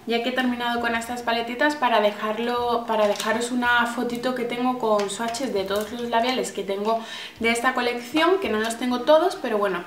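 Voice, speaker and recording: A woman from gives a casual makeup review to her viewers. Her voice sits a little high and her talk is chatty, with many fillers and restarts. The room around her sounds echoey. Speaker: beauty vlogger.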